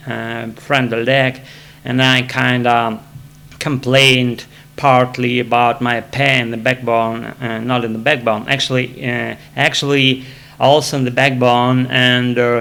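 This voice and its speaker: A man with a Russian accent, a native Russian speaker, talking casually to camera from his armchair at home while in back pain, halting often with fillers and restarts. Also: medium pitch, little pitch movement, vocal fry, sharp tone, smooth. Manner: hesitant, many fillers and restarts. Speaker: vlogger practicing English. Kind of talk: casual self-recorded monologue.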